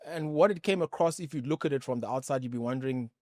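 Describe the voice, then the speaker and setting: A man's voice: mid-range voice, fast, darkish tone, dry recording, studio quality. A man from South Africa, co-hosting a business podcast, explaining ideas through examples and repeating words as he talks. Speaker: podcast co-host. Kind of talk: explanatory chat.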